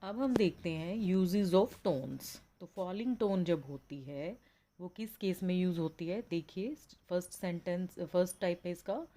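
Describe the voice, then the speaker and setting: Low mellow-voiced Indian woman teacher. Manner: explains slowly, reads example sentences in drawn-out English. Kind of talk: classroom lecture.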